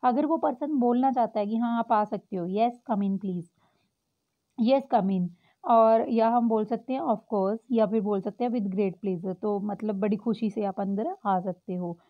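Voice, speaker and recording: A woman teaching English to Hindi speakers, explaining patiently and reading example phrases slowly. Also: mid-range voice. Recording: tinny phone-like sound.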